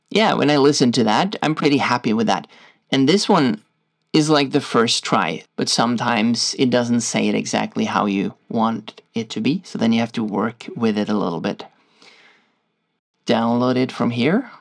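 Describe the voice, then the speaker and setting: A man with a Norwegian accent, casually walking viewers through a software tutorial in a loose, stop-start way. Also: medium pitch, normal speed, creaky. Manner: loose, stop-start explaining while clicking through screens. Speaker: tutorial host.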